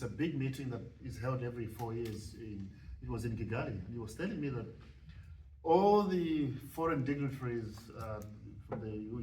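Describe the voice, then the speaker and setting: A man from Zambia with a Zambian accent, speaking thoughtfully on a panel discussion and pausing often with fillers. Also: medium pitch. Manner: thoughtful, halting with many fillers. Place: event hall at a panel discussion. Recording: distant mic, faint room noise.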